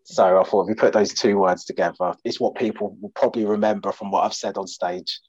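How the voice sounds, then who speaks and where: A man's voice: fairly low pitch, steady tone, fairly quick, a little mellow, husky, no echo, muffled recording. A man from Essex with an Essex accent, chatting casually as a comedian guest on a podcast in a jokey, self-deprecating way. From Essex, England. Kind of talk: casual chat.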